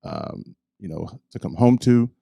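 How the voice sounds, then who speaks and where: Guy on a podcast, low mellow voice, dry close sound, kinda reflective lots of ums. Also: huge pitch swings, vocal fry, no echo. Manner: reflective, pauses with "um". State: married one year. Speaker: podcast co-host. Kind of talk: casual chat.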